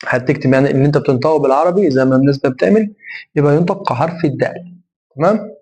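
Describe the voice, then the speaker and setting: A man with an Egyptian Arabic accent teaching English pronunciation, slowly repeating words for the listener to copy. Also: on the high side, a little mellow, rough recording. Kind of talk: phonetics lesson.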